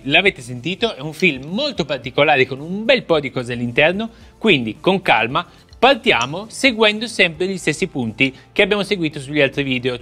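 A man's voice: a little high, sharp tone. A man teaching a drum fill in a casual video lesson, explaining step by step, counting aloud and vocalizing the rhythms.

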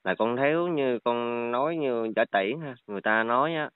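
Man, polite and halting, smooth voice over a dry phone line. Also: mid-range voice, no room sound. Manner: polite, hesitant, many restarts. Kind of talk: casual phone chat.

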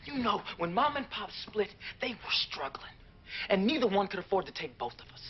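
A man's voice: high-pitched, very animated, fairly quick. An actor playing a brother who urgently pleads with his sibling to help their mother. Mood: pleading. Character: pleading brother urging a family duty. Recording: dull lo-fi TV audio with noise.

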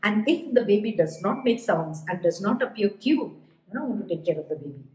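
A woman's voice: medium pitch, lively intonation, brisk, a little mellow. A middle-aged woman hosting a podcast, chatting casually in a blunt, teasing way and laughing easily. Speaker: podcast host and coach. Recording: roomy, echoey sound.

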